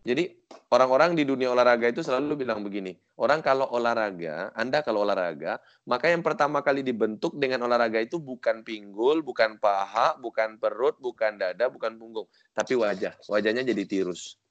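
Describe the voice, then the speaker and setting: A man's voice: medium pitch, brisk, lo-fi sound. A man from Sumatra giving a casual religious lecture. He jokes and acts out the voices he quotes. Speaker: Islamic preacher.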